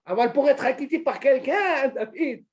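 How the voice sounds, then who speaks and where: A man teaching an informal religious lesson to a small group, animated, asking questions and calling on a student by name. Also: extremely high pitch, moderate pace, a crowd in the background. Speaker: Torah teacher.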